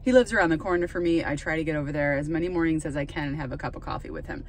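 Talking rapid-fire in a low voice, a thirtysomething woman vlogs on her handheld phone as she works her flower farm in the cold, sometimes sitting in a car. Her narration is chatty and casual, full of thinking aloud and self-correcting asides, with slight background noise.

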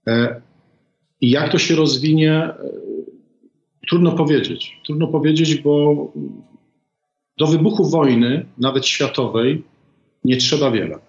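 A middle-aged former ambassador, appearing as an interview guest over a video call, gives measured political analysis deliberately, with many hesitant pauses. His voice is a little high, and the call audio sounds echoey and dull.

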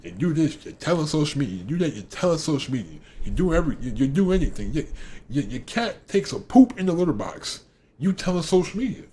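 A man's voice: on the high side, very animated, fast, warm tone. A young man ranting casually to camera, preachy, repeating phrases and acting out other people's voices. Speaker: vlogger giving life advice.

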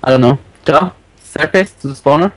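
A man playing a multiplayer game with friends, chatting casually with quick, agreeable replies. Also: fairly high pitch, a bit bright, poor audio. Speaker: fellow player. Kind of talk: casual multiplayer gaming chat.

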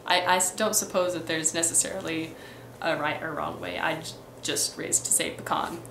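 Here the young adult vlogger's voice is low and creaky, with fairly even intonation at a moderate pace. She's from Texas and Missouri, US, has a light Midwestern accent, and chats her way through a rambling accent tag vlog with many ums and restarts. A webcam catches her indoors in a roomy bedroom over a faint ambient hiss.

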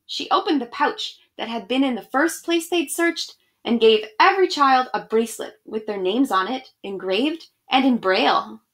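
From a small room in her home, a young adult woman animatedly reads a picture book and talks casually to children. Her pitch is fairly high, and she keeps a moderate pace with few pauses.

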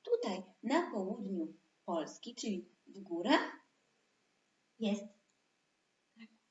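A woman's voice: medium pitch, sing-song, a little mellow, highs cut off. A woman teaching an online lesson to young children, stretching out words for them to repeat. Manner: slow, drawn-out syllables for children to repeat. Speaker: preschool teacher. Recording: echoey room.

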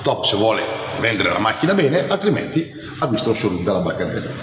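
A middle-aged man giving an informal, talkative infomercial sales pitch as a car salesman, repeating points for emphasis. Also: big pitch swings, fast talker. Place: large indoor car showroom. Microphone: phone camera a few steps away. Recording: echoey hall, background noise.

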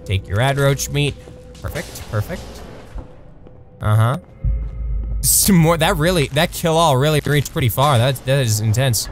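A man streaming a video game live, reacting loudly, laughing at his own mistakes and swearing casually as he goes. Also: unhurried, pauses often, faint music behind. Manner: excitable, jumps to high-pitched yelps when thanking subscribers. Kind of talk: live gameplay commentary.

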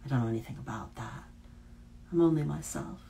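A woman's voice: extremely low pitch, a little fast, gravelly, dark tone, slight background noise. Fierce bitter young Huldra woman, read by a woman. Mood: wry, bitter.

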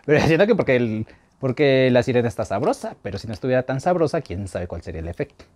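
A young man with a Mexican accent chatting campily about a drag show, gossipy and expressive. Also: mid-range voice, fast talker, no echo. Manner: campy, gossipy, expressive with big laughs. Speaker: drag reality show panelist. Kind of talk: casual chat.

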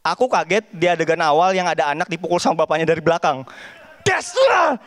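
A young man from Kalimantan doing a stand-up set on a TV studio stage, animated, acting out sound effects. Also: fairly high pitch, rapid-fire. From Kalimantan, Indonesia. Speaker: stand-up comedian.

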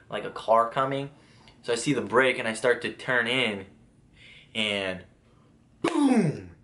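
A man's voice: fairly low pitch, bright, forceful tone. A young man casually telling a personal story, rambling with restarts and lots of filler words. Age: young adult. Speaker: vlogger.

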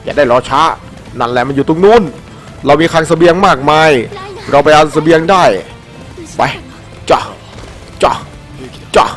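A man giving excited let's-play commentary over a game, animated and playful, with frequent shouted exclamations and crude slang. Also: on the high side, moderate pace, long pauses. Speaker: gameplay commentator. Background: faint game music.

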